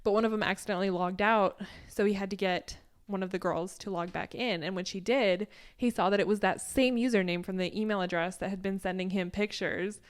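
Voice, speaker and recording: Chatty woman podcaster with a clear voice. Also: medium pitch, steady tone, brisk, hardly any pauses. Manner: chatty, laughs lightly mid-sentence, uses lots of "like". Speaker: podcast co-host. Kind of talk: casual chat.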